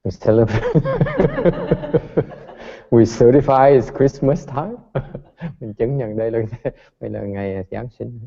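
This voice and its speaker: A man's voice: mid-range voice, a little slow, gravelly, mellow. A man giving a Buddhist dharma talk, joking and acting out quotes as he switches between English and Vietnamese. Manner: playful, mixes English and Vietnamese, acts out quotes. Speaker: Buddhist teacher. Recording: dull audio in a reverberant hall.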